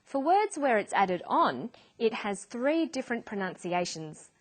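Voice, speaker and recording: A woman narrating an English lesson in a clear, deliberate teaching voice. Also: fairly high pitch, big pitch swings. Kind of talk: scripted educational narration.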